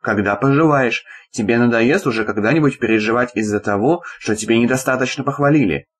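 A man's voice: mid-range voice, fairly quick, close to an everyday voice. A man reads the part of a stern middle-aged boss, dry and blunt, who lectures his young worker in a plain, level storybook voice. He keeps the sarcasm understated rather than theatrical. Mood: calm.

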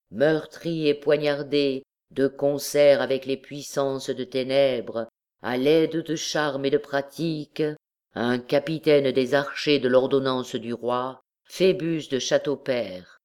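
A woman's voice: low voice, darkish tone, smooth. A woman reading aloud voices a stern presiding judge who questions the accused coldly and solemnly. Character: stern, cold old male judge presiding.

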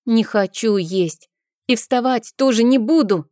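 Woman doing a whiny little sick boy in an audiobook, high shrill voice, scared and stubborn, dry close sound. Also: measured pace, warm tone, no room sound, lightly acted. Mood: whining. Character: frightened sickly little boy, tearful and stubborn. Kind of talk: audiobook character voice.

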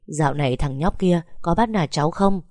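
A grandmother past eighty, doting on her grandchild and quick to scold anyone who harms her, voiced by a woman. Her voice sits low and warm, and the delivery is dry and close. This is a storybook reading. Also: no echo. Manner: fussing, scolding. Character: old grandmother over eighty, doting and fierce.

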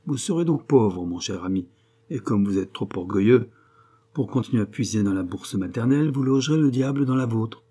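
A man's voice: lowish voice, expressive, fairly quick, dark tone, husky. A man reading aloud, voicing a sarcastic, worldly middle-aged writer who lectures in a mocking tone. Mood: lecturing.

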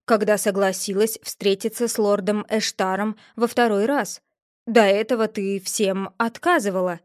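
A woman's voice: mid-range voice, fairly even intonation, normal speed, no echo, clean studio sound, natural voice. A woman voicing a middle-aged king who sounds fatherly, hesitant and placating, in an audiobook. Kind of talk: audiobook character voice.

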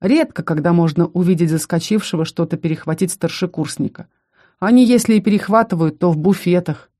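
A woman's voice: lowish voice, brisk, warm tone, natural voice. A woman voicing a protective young male student who speaks bluntly and scornfully. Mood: explaining.

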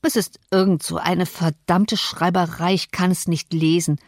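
A woman voicing a rough, illiterate young farmhand in an audiobook, speaking gruffly and bluntly. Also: on the low side, level tone, moderate pace, no echo, studio quality. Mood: surly.

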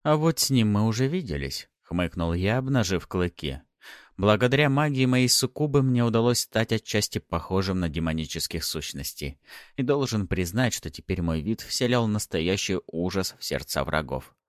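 A man narrating an audiobook in first person, expressive and shifting into character voices. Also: sits low, normal speed, no echo, studio quality.

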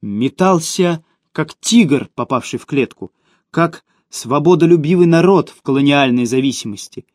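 A man reading audiobook narration in a measured, expressive way. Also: a little high, no echo, studio quality.

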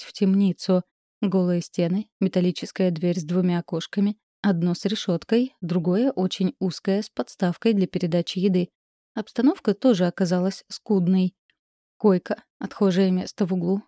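A woman narrating a first-person audiobook and speaking the heroine's sharp-tongued lines. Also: lowish voice, dry recording, studio quality.

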